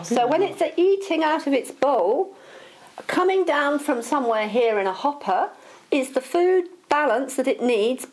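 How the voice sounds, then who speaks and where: An older woman interviewing people in a relaxed conversation, asking curious, prompting questions. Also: high voice. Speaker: oral history interviewer.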